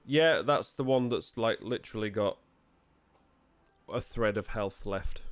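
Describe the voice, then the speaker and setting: A man's voice: on the low side, measured pace, no echo. A man running a tabletop game as game master, explaining rules in a blunt, bantering, casual way.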